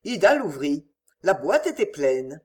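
A woman's voice: deep voice, sing-song, measured pace, a little mellow. A woman narrating a novel as an audiobook, reading expressively and voicing each character.

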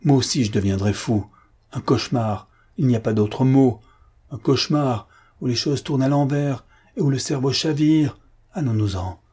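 A man's voice: mid-range voice, normal speed, a little mellow, slightly rough, voice pushed up, natural voice. A man voicing a young army captain who breaks into anguished, frantic outbursts in an audiobook. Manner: cries out in raised, frantic outbursts.

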